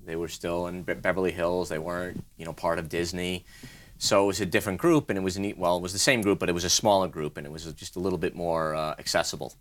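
A man with a deep voice talks as a guest in an interview. He is conversational and explanatory, laying out his story step by step and often piling up short lists. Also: fairly even intonation, fast talker. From Brooklyn, New York. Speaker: interview guest, design studio co-founder.

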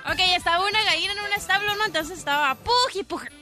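A woman co-hosting a comedy radio show, telling a joke in a giggly, animated way. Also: very high-pitched, quick pace, over music. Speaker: radio co-host.

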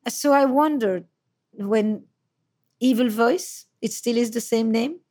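Woman therapist host: reflective, tentative, gently probing in session, a touch high. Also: slow pace. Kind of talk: therapy conversation.

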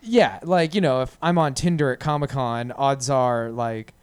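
A man in his mid-twenties co-hosting a casual podcast, teasing with playful deadpan jokes. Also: mid-range voice, normal speed, smooth. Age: 20s. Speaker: podcast co-host.

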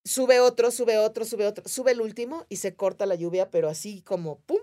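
A woman's voice: mid-range voice, fairly quick. A woman with a Mexican accent telling a story in casual conversation, acting out the voices of the people in it. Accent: Mexican Spanish. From Mérida, Mexico. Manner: animated, acts out voices of others in her story. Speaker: podcast guest.

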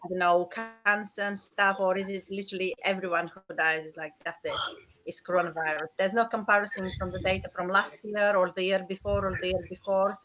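A woman's voice: medium pitch, flat delivery, a little fast, fairly bright tone, slight background noise, low-quality recording. Hesitant woman from Bulgaria, English. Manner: hesitant, unsure, non-native phrasing. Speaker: listener guest. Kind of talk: casual chat.

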